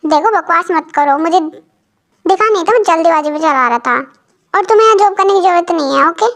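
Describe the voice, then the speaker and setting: A woman's voice: very high voice, animated, fairly quick, a bit bright, heavily acted. A woman voicing a possessive young male mafia boss, talking in a blunt, commanding way.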